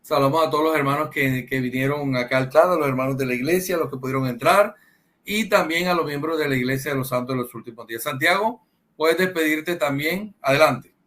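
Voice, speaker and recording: A man's voice: a little high, quick pace, a bit bright. A man hosting an online program, courteous and formal as he thanks his guest and greets the viewers. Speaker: host.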